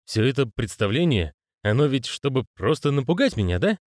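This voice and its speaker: A male reader voicing a nervous, quick-tongued con man. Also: medium pitch, big pitch swings, no echo, clean studio sound, pitched above the performer's own voice, close to an everyday voice. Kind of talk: audiobook character voicing.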